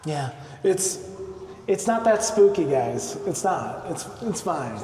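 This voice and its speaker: A man hosting a travel visit, casually interviewing in halting phrases while riding a boat inside a cave. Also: fairly high pitch, sing-song, mellow, slight background noise. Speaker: travel show host interviewing a guide. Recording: echoey cave with long reverb.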